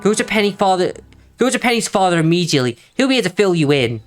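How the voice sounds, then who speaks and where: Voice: mid-range voice, very animated, natural voice. A stern, no-nonsense academy teacher, voiced by a reader playing a game aloud, clipped and businesslike with a mid-range voice. Faint music plays underneath. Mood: brisk. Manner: brisk, clipped, official.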